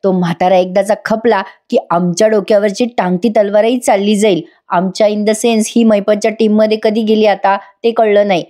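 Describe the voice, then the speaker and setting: A woman voicing a scheming young woman's spiteful private thoughts, quieter and lower. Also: fairly even intonation, moderate pace, hardly any pauses, natural voice. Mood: sneering.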